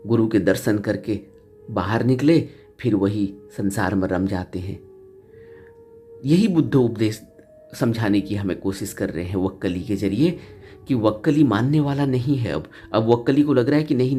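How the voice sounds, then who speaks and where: A man giving an earnest spiritual discourse, retelling a teaching story and repeating phrases for emphasis. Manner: earnest, repeats phrases for emphasis, rises in pitch for key points. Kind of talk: Hindi dharma discourse retelling a Buddhist story. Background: soft flute music.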